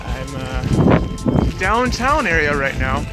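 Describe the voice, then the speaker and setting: Guy doing a casual storm vlog out in the wind, highish voice, kinda halting, loud background sound. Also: sing-song, loud music behind the voice. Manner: hesitant, halting, speaking out against the wind. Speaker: storm chaser vlogger. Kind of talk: casual on-the-spot weather report. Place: outdoors on a windy downtown street in a winter storm. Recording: windy outdoor recording, loud background sound.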